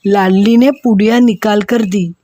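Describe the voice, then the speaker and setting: A woman teacher retelling a story to a class, slow and expressive, acting out the characters' lines. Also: mid-range voice, no room sound, clean studio sound.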